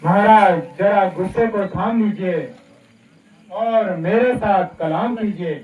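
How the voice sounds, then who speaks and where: A man's voice: high-pitched, slow pace, a little mellow, slight background noise. A man playing a courteous, steadfast prince in a Ramleela folk stage drama, speaking in a formal, conciliatory manner. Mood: calm, firm. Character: courteous, steadfast prince pacifying an angry sage. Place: stage of a Ramleela club, distant mic. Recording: echoey, muffled, distant stage sound.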